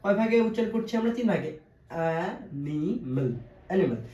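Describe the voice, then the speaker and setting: A man's voice: high-pitched, big pitch swings, rapid-fire, dark tone, muffled recording. A man teaching a video lesson, asking questions and answering them himself, repeating each key term. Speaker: English teacher. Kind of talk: classroom-style video lesson. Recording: echoey room, faint background noise.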